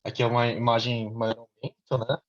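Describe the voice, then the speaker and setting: A man with a Brazilian Portuguese accent presenting a clinical case over a video call, talking hesitantly with many restarts while his audio comes through a choppy, low-quality online stream. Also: level tone, brisk, lo-fi sound. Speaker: case presenter at a medical meeting.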